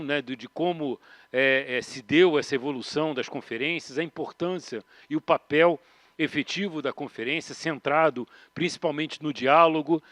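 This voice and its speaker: A man's voice: on the high side, a bit bright, dry recording. A man with a Brazilian Portuguese accent moderates a panel, summing up the conversation in a loose, hesitant way with many restarts. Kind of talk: panel discussion wrap-up.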